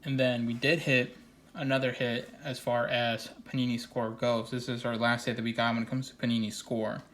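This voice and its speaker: This medium-pitched card collecting host sounds a bit congested and nasal as he walks viewers through his latest pulls in a relaxed showcase vlog. His tone barely rises or falls; he is steady and sincere, says his opinions more than once, and pauses on lots of fillers before starting sentences over.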